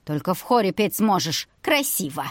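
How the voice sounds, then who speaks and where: An angry older mother speaks coldly and threateningly, her tongue sharp, as a woman narrator puts her on. The storybook reading sounds dry and close. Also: on the low side, big pitch swings, moderate pace, dry recording. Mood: coldly stern. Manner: cold, threatening.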